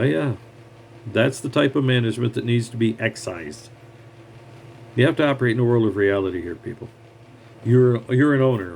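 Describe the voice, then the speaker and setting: A man's voice: fairly low pitch, gravelly, darkish tone, a little hiss or hum. A mechanic, a man, giving blunt, heated advice in a scornful rant straight to the camera. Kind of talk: ranting advice monologue.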